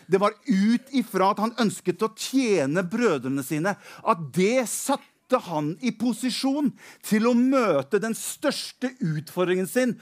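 A man preaching, retelling a Bible story in a lively, animated way. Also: sits high. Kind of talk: storytelling sermon.

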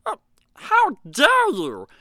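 A formal, easily wounded alien prince, as a woman acts him out, speaking slowly with a lot of rise and fall in the voice. He sounds stiff and pompous in a dry, close recording. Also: sits high, wildly swooping pitch, bright, forceful tone, no room sound, heavily acted. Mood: indignant. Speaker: guest on an advice show.

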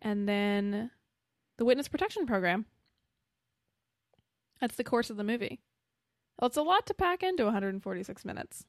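A woman's voice: a little high, expressive, normal speed, pauses often, dry recording, clean studio sound. A woman co-hosting a casual podcast, chatting about a film in a wry, rambling way. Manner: chatty, wry, trails off and restarts. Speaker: podcast co-host. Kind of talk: casual film discussion chat.

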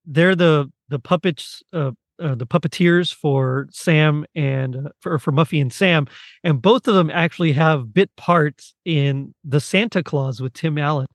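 A man talking as a podcast guest in a casual chat, chatty and quick to laugh. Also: a little high, no room sound, clean studio sound.

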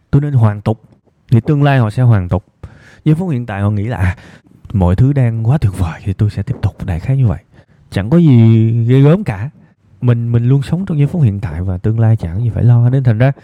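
The speaker is a male host of a nighttime advice show, with a southern Vietnamese accent and a soft, measured, purposely low tone as he reflects aloud for his audience. His voice comes through echo-free but thin and phone-like.

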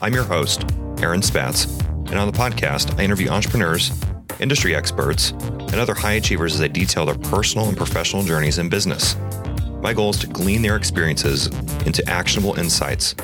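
Over music, a man with a low, expressive voice and a slightly fast pace hosts a business podcast. He reads an upbeat scripted intro, then moves into a casual interview, frequently repeating his words.

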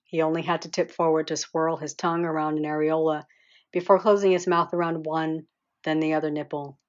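Audiobook narrator: woman, deep voice, soft intimate first-person reading, slightly dull lo-fi recording. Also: little pitch movement, fairly quick.

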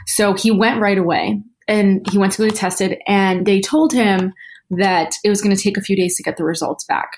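A young woman tells a personal story in a chatty, candid way. She leans on "like" and voices other people's lines as she goes. Her pitch sits in the middle range. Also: moderate pace, slight background noise. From New York. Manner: chatty, fills speech with "like", acts out family members' lines. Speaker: guest sharing a personal story.

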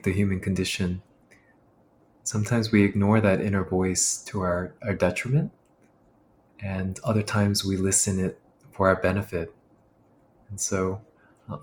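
Reflective male pastor guest, lowish voice, slight hiss behind. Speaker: pastor and military chaplain. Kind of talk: podcast interview guest.

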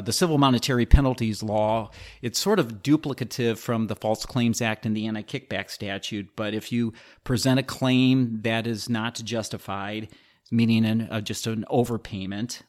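A man with a somewhat low voice hosts a solo podcast. He works through legal points in a methodical, explanatory way and sometimes restarts a phrase. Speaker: podcast host, healthcare attorney.

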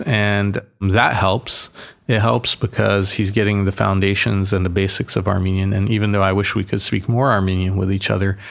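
A man's voice: fairly low pitch, gravelly. A man, a mayor who grew up in Boston and Yerevan, talking passionately and at length as an interview guest. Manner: passionate, talkative, explains at length. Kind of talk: casual interview conversation.

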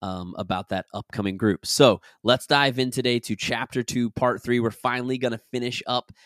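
A man in the middle of his usual range, talking on his own podcast with a raspy voice left over from being sick. He is upbeat and eager and wanders a little as he chats. Then he moves into reading from his own book. The sound is close and dry, with no room around it. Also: mid-range voice, steady tone, moderate pace, fairly bright tone, no room sound. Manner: upbeat and enthusiastic; chatty and rambling. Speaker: podcast host and business coach.

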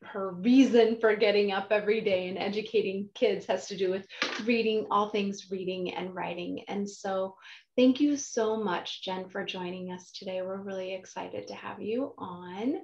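A woman's voice: mid-range voice, steady tone, normal speed, a little mellow, reverberant, lo-fi sound. A woman hosting a conversational podcast interview, chatty and enthusiastic, with frequent fillers and restarts. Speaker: podcast host.

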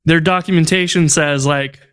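A man co-hosting a casual tech podcast, telling stories in an animated, exasperated way. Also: a little high, normal speed, clear, resonant tone. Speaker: podcast co-host.

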